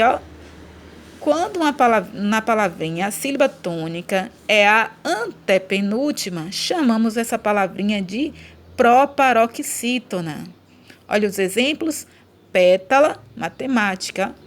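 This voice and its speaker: A woman's voice: medium pitch, a little hiss or hum. Patient Brazilian woman teaching. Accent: Brazilian Portuguese. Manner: patient, repeats and checks understanding with "tá?" and "né?". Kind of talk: recorded lesson for children.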